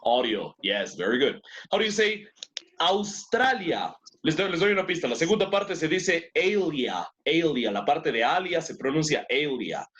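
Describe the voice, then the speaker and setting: A man's voice: a little high, very animated, normal speed, fairly bright tone. A man teaching an English class in two languages, who repeats words and keeps praising his students. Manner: switches between two languages to explain.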